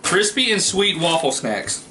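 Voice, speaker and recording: A man's voice: high-pitched, big pitch swings, unhurried, bright, forceful tone, a little hiss or hum. A man, a dad hosting a casual taste-test vlog, joking and reacting playfully as he talks.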